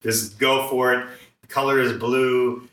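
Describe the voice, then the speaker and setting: Bright-voiced male sound healer, echoey room. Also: medium pitch, fairly even intonation, measured pace, far from the mic. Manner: demonstrates vowel tones by singing them; earnest, ends points with "right?". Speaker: vocal sound healer guest. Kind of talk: guided chakra sound teaching.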